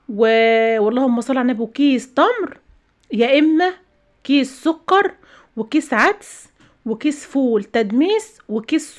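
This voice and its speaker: Fast-talking Egyptian woman giving emphatic advice. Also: on the high side, a little mellow. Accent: Egyptian Arabic. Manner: emphatic, repeats phrases, preachy. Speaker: channel host. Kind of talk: casual advice talk to viewers.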